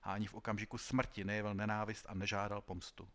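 A man voicing an ancient, grim male spirit of death who hungers for young lives, speaking low and quiet. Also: little pitch movement, close to an everyday voice. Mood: bitter.

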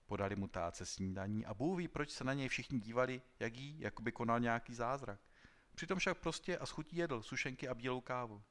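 A man narrating a literary science-fiction story in a measured, serious way. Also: on the low side, fairly bright tone. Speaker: audiobook narrator.

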